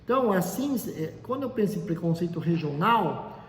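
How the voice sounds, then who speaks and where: A man's voice: high-pitched, very animated, normal speed. A man, lecturing as a teacher. He explains step by step, lists examples and keeps checking in with short tag questions. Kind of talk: classroom lecture on language. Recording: echoey room with long reverb.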